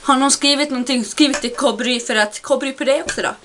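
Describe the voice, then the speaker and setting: A woman's voice: a bit bright, a little hiss or hum. A young woman from Sweden ranting in a casual vlog, exasperated and mocking, recorded on a webcam at home. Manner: exasperated, mocks others in high voices. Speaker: vlogger.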